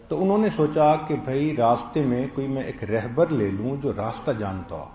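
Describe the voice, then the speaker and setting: A man's voice: mid-range voice, a little mellow. A man giving a sermon, telling stories and acting out the quoted lines of the people in them. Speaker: preacher. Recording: echoey, dull lo-fi sound.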